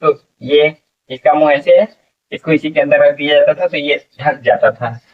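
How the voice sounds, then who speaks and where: A man teaching an English vocabulary lesson, explaining slowly and repeating each word, asking questions and answering them himself. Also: fairly high pitch, distant mic, narrow, tinny audio.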